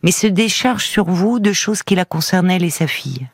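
Calm, firm radio advice host woman. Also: fairly low pitch, a little fast, breathy edge, no echo, clean studio sound. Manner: calm, firm counselling with many hesitations.

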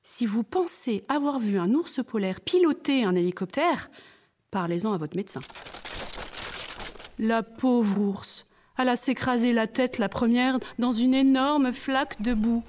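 Slow, playful woman reading a storybook. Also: fairly high pitch, darkish tone, a little hiss or hum. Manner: playful, wry asides.

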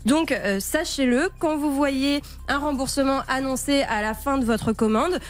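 A woman's voice: high-pitched, moderate pace. Woman explaining consumer advice on radio. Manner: explanatory, advising listeners directly. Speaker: consumer affairs columnist. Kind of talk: informative radio segment. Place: radio studio.

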